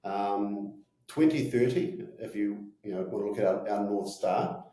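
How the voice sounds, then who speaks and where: A man in his forties speaks with a broad New Zealand accent in a casual interview. His voice sits fairly low and has a soft, mellow tone. He talks informally, like an executive explaining his business, in an echoey room. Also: measured pace. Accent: broad New Zealand (Kiwi). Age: 40s. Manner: informal, peppers talk with "you know" and "right?". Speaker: company executive being interviewed.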